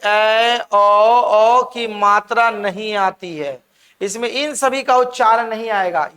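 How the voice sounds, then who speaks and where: A man lectures on grammar with a strikingly high-pitched, bright and forceful voice. He walks through each example piece by piece, checking understanding with frequent questions to the students. His delivery is that of an experienced classroom teacher. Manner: explains step by step, keeps asking the class questions.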